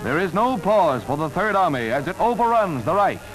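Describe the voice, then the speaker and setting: A man narrating an old 1940s wartime newsreel in a brisk, emphatic announcer delivery. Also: high voice, big pitch swings, low-quality recording. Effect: old newsreel soundtrack. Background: loud music score.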